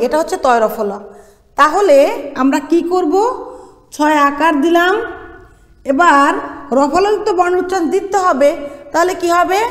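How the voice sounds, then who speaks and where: A woman lecturer from Bangladesh teaching pronunciation rules step by step, putting questions to the class and answering them herself. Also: extremely high pitch. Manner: explains step by step, asks and answers her own questions. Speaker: college Bengali lecturer. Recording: echoey room, long reverb.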